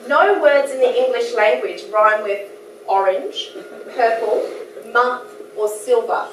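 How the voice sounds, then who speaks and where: A woman's voice: on the high side, slow, background noise. A woman with an Australian accent, a guest lecturer giving a chatty, self-deprecating academic talk. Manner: chatty, self-deprecating, laughs between points. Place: lecture hall. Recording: echoey hall, mic from a distance.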